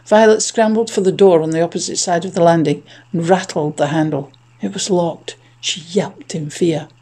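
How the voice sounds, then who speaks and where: A narrator reading a children's adventure story in a tense, measured way. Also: medium pitch, steady tone, mellow. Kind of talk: audiobook narration.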